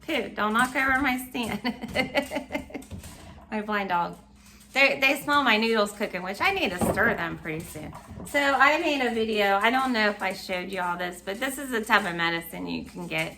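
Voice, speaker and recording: Hoarse chatty woman vlogging. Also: medium pitch, animated, moderate pace, pushed and bright, slight background noise. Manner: rambling, chatty, laughs often. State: losing her voice, frogging. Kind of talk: casual home vlog chat. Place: home kitchen.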